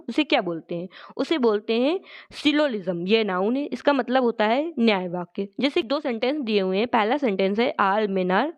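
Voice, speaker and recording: A woman explaining English words in a lesson, speaking Hindi as her first language and reading out English definitions slowly and deliberately. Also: a little high, darkish tone, dull audio. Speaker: vocabulary teacher.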